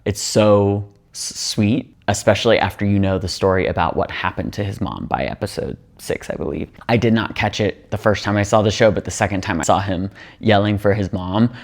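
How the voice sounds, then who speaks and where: A man with a lowish voice talks through a TV series in a loose, conversational way. He fills his sentences with "like" and thinks out loud as he goes, in the easy manner of a casual video review. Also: a little fast, creaky, hardly any pauses. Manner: chatty, full of "like" fillers, thinks aloud. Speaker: TV show reviewer.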